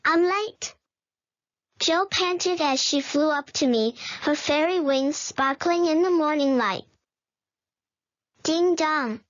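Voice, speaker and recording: Brief: a woman narrator for a children's storybook, slow and unhurried, reads the sound words flatly. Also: high-pitched, dull audio. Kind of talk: first-person storybook narration.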